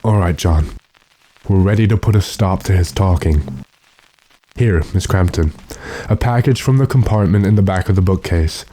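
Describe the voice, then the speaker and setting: In a radio horror drama, a man plays a calm, commanding gentleman vampire hunter, speaking deliberately and with authority. His voice sits low, and the recording quality is poor.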